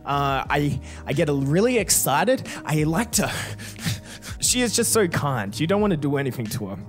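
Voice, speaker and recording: Young guy, crude and joking, slightly high voice, soft music behind. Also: sing-song, normal speed. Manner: crude, blunt, joking, frequent swearing. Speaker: YouTuber answering fan questions. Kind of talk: casual Q&A.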